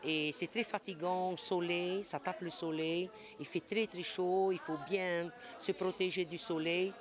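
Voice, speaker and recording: A woman's voice: lowish voice, steady tone, unhurried. A woman craft artisan talks earnestly to a reporter at an outdoor market. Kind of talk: street interview. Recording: outdoor crowd chatter.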